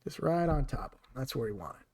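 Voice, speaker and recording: A man's voice: medium pitch, big pitch swings, a little fast, a little mellow. A man streaming a game with casual commentary, chatting to his characters as he plays.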